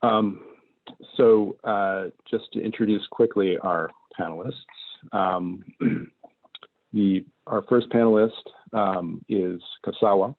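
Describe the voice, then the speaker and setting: Deep, gravelly man, panel moderator, steady with plenty of ums, thin dry phone-like call audio. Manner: measured, many ums and uhs. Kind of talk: online panel discussion.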